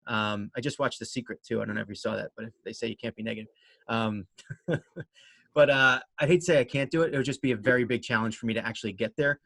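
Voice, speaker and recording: A man's voice: medium pitch, quick pace, gravelly, fairly bright tone, no echo. A man answering interview questions casually as a guest, in a rambling, self-deprecating way. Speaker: interview guest, amateur runner and race organizer.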